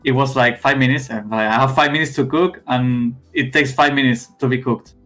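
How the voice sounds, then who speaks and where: A man's voice: mid-range voice, fairly even intonation, fairly bright tone. Young guy w/ thick spanish accent, keeps restarting, faint music under it. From Spain. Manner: halting, many restarts and fillers. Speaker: esports player guest. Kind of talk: casual interview.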